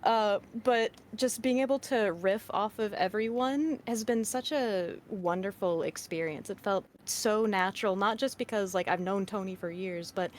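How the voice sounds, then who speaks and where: A woman voice actor chatting casually as a livestream guest, excitable and self-deprecating. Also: medium pitch, moderate pace, hardly any pauses, a little hiss or hum.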